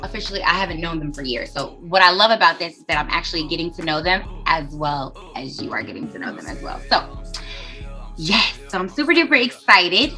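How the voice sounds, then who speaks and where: A woman's voice: fairly low pitch, very animated, fairly quick, bright, forceful tone, faint music behind. A woman hosting a podcast, chatty and enthusiastic, talking loosely over a video call. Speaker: podcast host. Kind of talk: casual video podcast interview.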